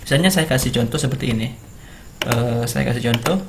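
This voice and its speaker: A man giving an online lecture, explaining slowly, with fillers and repeats. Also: medium pitch, creaky, noisy background.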